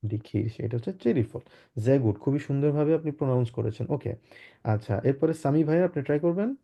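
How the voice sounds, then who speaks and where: A man's voice: medium pitch, lively intonation, fairly quick, warm tone. A man teaching German vocabulary in an online class, patiently spelling words out and having students repeat after him.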